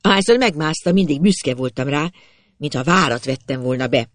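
A reader narrating a first-person storybook tale in an expressive storytelling manner. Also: medium pitch, no echo.

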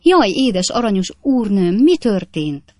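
A woman voicing a flustered, excitable young lady's maid who fusses and scolds in a shrill voice. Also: no room sound, studio quality, natural voice. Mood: alarmed. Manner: shrill, fussing, reproachful.

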